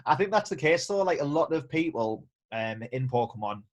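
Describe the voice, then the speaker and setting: A man's voice: on the high side, animated, normal speed, highs cut off. A man, hosting a casual interview, chatty with frequent ums and restarts. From England. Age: 30s. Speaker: host. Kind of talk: casual video-call interview.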